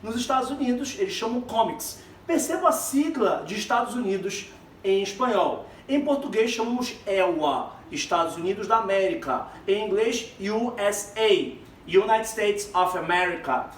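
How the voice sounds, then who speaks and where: A Brazilian man with a high voice teaches Spanish to a class, explaining each term in an animated way and speaking straight to his students. He sits well back from the microphone in a roomy, echoing space, with a faint hiss behind him. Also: normal speed. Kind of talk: classroom lesson mixing Spanish and Portuguese. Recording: echoey room, far from mic, faint background noise.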